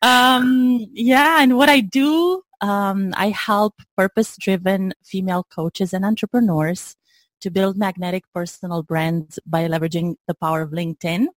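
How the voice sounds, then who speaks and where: A woman's voice: medium pitch, normal speed, no room sound. A woman, chatting as an interview guest, laughing easily and restarting her sentences. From Romania. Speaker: guest, LinkedIn branding consultant. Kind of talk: casual interview chat.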